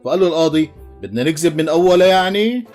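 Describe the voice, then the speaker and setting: A man with a Levantine Arabic accent telling a string of jokes, animated, slipping into character voices and chuckling along. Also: on the high side, rapid-fire, soft background music. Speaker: joke teller. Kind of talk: voiced joke compilation.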